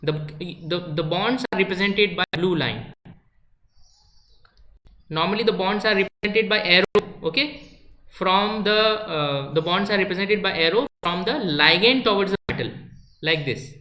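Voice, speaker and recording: A woman's voice: mid-range voice, normal speed, sharp tone. A woman giving a chemistry lecture, explaining step by step and repeating key points, slipping into Hindi now and then. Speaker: chemistry teacher. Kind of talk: classroom lecture. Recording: echoey room.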